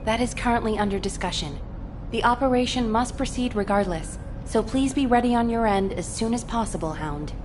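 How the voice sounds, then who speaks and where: A woman voicing a composed, formal female headquarters commander giving a measured mission briefing in a video game. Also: on the high side, background noise, lightly acted. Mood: brisk, official.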